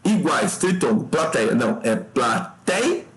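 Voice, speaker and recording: A Brazilian man walks through exam questions in a lively teaching voice, his pitch leaping up whenever he hammers home a point. He keeps checking in with the listener and calls them buddy, sounding like a tutor working through a test. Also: brisk, soft background music. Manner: explanatory, peppered with "tá?" check-ins and addressing the listener as "cara"; lively pitch jumps when stressing points. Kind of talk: exam review lesson.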